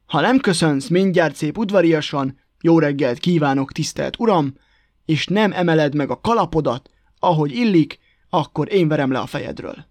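A man's voice: on the high side, animated, a little mellow, no room sound. A man voicing a prim, touchy male hare who speaks with stiff politeness and scolds. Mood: indignant.

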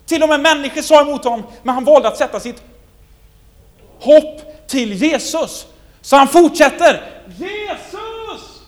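A man preaching a sermon, retelling a scripture story and putting rhetorical questions to his listeners. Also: extremely high pitch. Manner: asks the listeners many rhetorical questions, loudness swings widely.

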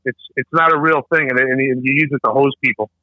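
A man's voice: mid-range voice, fairly even intonation, fast, no room sound. Man on a tinny phone speaker. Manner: joking, loose and rambling. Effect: heard over a phone speaker. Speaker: guest on call. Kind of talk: casual chat. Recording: tinny dry phone line.

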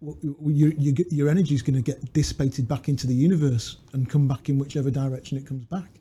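A male podcast co-host reads quotes into a pop-filtered studio mic during casual chat, reflective and storytelling and quick to laugh. His medium-pitched voice is steady, fast, dark in tone and husky.

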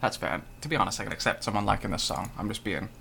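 A man's voice: fairly low pitch, rapid-fire, creaky, pushed and bright, a little hiss or hum. A man co-hosting a casual music review podcast, blunt and dryly critical. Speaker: podcast co-host.

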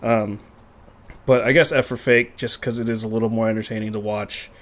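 A man's voice: on the low side, steady tone, fairly quick. A man co-hosting a casual movie podcast, blunt and loose, swearing and saying "like" a lot. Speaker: podcast co-host. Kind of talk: casual film chat.

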